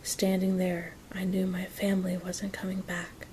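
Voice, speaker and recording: A woman whispering a story in a soft, gentle ASMR reading, taking her time. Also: fairly low pitch, monotone, measured pace, slight background noise. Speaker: reader of an audiobook-style story.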